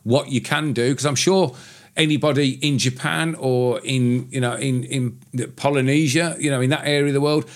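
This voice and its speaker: A tattooist co-hosts a casual podcast chat, rambling and opinionated, with occasional swearing. His voice is medium in pitch with fairly even intonation and a moderate pace.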